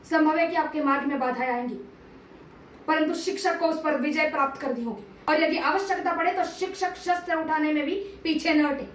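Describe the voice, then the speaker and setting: In a roomy recording made from a distant mic with faint background noise, a woman with a high-pitched voice speaks fairly quickly. She's an amateur performer reciting a TV serial monologue, playing a stern, patriotic male teacher-statesman of ancient India. Her delivery is solemn, declamatory oratory in formal diction.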